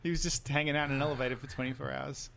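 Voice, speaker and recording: A man's voice: mid-range voice, steady tone, rapid-fire, creaky, a bit bright, a little hiss or hum. A man co-hosting a casual podcast chat, joking and laughing often. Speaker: podcast co-host.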